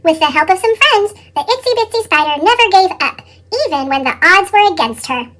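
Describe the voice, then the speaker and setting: Children's picture books get an expressive read-aloud from a woman whose voice has been sped up into a chipmunk pitch. She goes a little fast, sounding bright and forceful.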